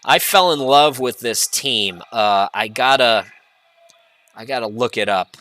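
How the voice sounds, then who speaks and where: A man calls a basketball game play by play. His voice is bright and forceful, at a middle pitch, and sounds dry and close to the mic. He drifts into chatty side stories between quick calls of the action. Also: no echo. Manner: chatty, rambling asides between excited calls. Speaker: play-by-play announcer.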